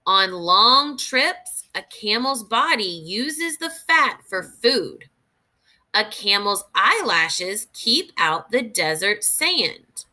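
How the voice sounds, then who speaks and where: In a mid-range voice, a female teacher slowly and expressively reads nonfiction meant for children, pausing to think aloud so young learners can follow.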